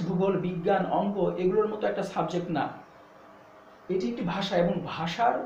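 A man teaches English pronunciation in a spoken lesson to camera, explaining patiently, spelling words out letter by letter and switching into English phrases. His voice sits high and is a little mellow. The recording is echoey, dull and slightly distant, with a faint hum.

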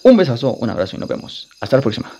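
Excitable gamer with lively pitch. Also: male voice, rapid-fire, breathy edge, muffled recording. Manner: excitable, jokey, swears at the game, talks to viewers. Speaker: gaming channel host. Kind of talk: let's play gaming commentary. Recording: music playing under the voice.

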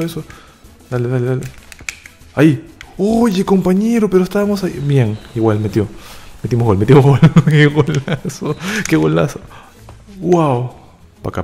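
Man narrating gameplay, excitable bursts of cheering, warm mellow voice, faint game music under him. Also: medium pitch, vocal fry. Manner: excitable, cheers and repeats words in quick bursts. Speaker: gaming YouTuber. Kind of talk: live gameplay commentary.

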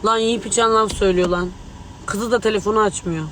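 A man's voice: sits high, steady tone, fast talker, a bit bright, slight background noise, rough recording. A man speaking angrily and agitatedly to tabloid reporters, swearing as he talks. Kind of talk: heated street remarks to the press.

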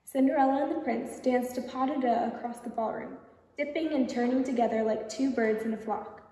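A woman's voice: high voice, brisk. Woman reading a children's story. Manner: gentle, asks the children questions. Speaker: storytime reader. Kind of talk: reading a children's picture book aloud. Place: library event room. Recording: echoey hall, distant mic.

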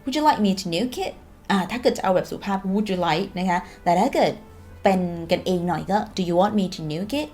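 A woman's voice: mid-range voice, animated, unhurried, a little mellow, soft background music. Chatty Thai woman teaching English. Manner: chatty, playful, acts out sample dialogues. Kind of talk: casual video lesson.

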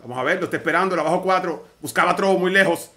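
A man doing energetic live play-by-play commentary on a fighting game match, urgently calling every move and addressing viewers directly. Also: high-pitched, racing. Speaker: esports caster.

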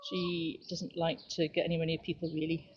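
A middle-aged woman giving a relaxed, cheerful walk-through tour of her back garden and chickens, filmed outdoors on a handheld camera. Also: low voice, fairly quick, slightly rough. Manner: chatty, relaxed, cheerful narration while walking. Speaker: home video maker. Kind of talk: casual home video tour. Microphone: handheld camera mic. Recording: dull lo-fi camera audio with noise.

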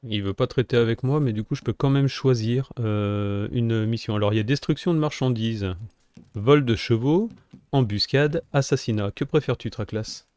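A man's voice: mid-range voice, moderate pace, a little mellow, clean tone. A man co-hosting a gaming video, chatting casually and jokily with a friend as he plays. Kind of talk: casual gameplay commentary with a friend.

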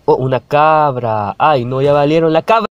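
A man's voice: on the high side, moderate pace, lo-fi sound, over music. Chatty young man reacting, laughing. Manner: chatty, laughs often, exclaims at the screen. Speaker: YouTuber reacting to a video. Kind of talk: casual reaction commentary.

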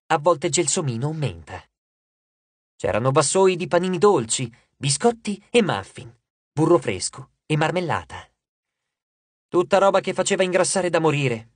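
Audiobook narrator, lively up-and-down reading, bit husky, dry close studio sound. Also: mid-range voice, no room sound. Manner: expressive, measured storytelling.

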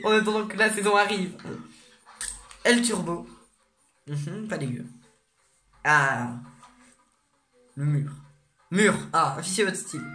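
A gaming video host giving casual commentary on new game content, excitable and reading the menu text aloud as they go. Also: medium pitch.

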